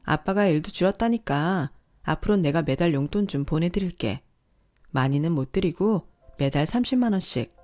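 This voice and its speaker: A woman's voice: lowish voice, lively intonation, moderate pace, a little mellow, faint music behind, close to an everyday voice. A woman voicing a young married daughter who questions her father and husband insistently in a read-aloud story. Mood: cheerful. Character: the daughter narrator, a young married office worker, direct and suspicious. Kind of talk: scripted story reading.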